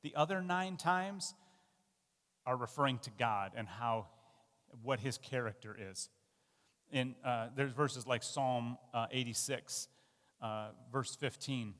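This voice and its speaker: A man's voice: mid-range voice, slow, fairly bright tone, long reverb tail. A man giving a sermon in a conversational, self-deprecating way, with fillers and restarts. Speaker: pastor. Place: church.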